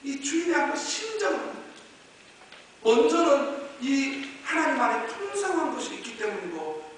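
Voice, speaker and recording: A male pastor delivering a sermon in a bright, high, lively voice that swings from quiet explanation to shouting. He is picked up from far off in a big echoing hall with a long reverb tail. A faint hiss runs under the recording. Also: moderate pace.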